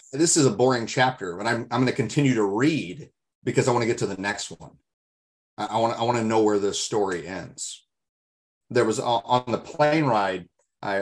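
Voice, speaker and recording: A man co-hosting a podcast in casual discussion, talking in an earnest, reflective way, with emphatic rhetorical questions and stories. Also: fairly low pitch. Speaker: podcast co-host.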